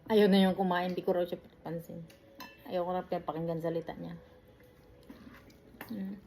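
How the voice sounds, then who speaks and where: A woman's voice: on the low side, fairly even intonation, normal speed, warm tone. Caregiver woman telling stories on her phone, chatty, lots of laughing, faint noise behind. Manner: chatty, recounts in short phrases and laughs often. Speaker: caregiver and vlogger. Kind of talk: casual storytelling chat.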